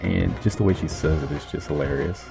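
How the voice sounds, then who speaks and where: Man, very low and gravelly, sarcastic game commentary, music behind. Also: fairly quick. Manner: sarcastic, teasing about the game. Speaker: let's play host. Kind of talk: joking gameplay commentary.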